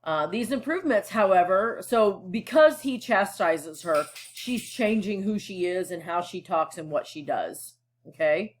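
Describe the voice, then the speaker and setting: A woman's voice: mid-range voice, expressive, a little slow. A woman teacher reading a novel aloud and explaining it to students in a casual, conversational way, often checking in with them. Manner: casual and explanatory, with frequent fillers and check-ins.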